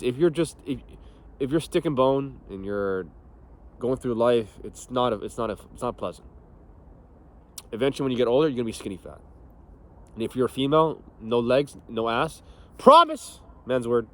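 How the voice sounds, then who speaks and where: A man's voice: mid-range voice, animated, brisk, long pauses, darkish tone. A young man, a fitness coach, talking casually and bluntly about training, swearing often and laughing as he tells stories. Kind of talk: casual motivational talk.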